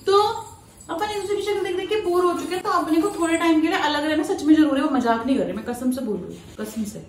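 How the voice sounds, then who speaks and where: A woman's voice: high-pitched, fast. Pleading young woman vlogger. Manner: pleading, insistent. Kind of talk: casual chat. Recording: echoey room with faint noise.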